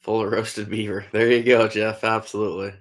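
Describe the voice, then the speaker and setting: A man hosting a live stream as a trapper, originally from Iowa, USA, speaks fairly quickly in a fairly low voice with flat delivery. He answers viewers in a relaxed, casual way, says "buddy" to chatters and trails off with "I don't know".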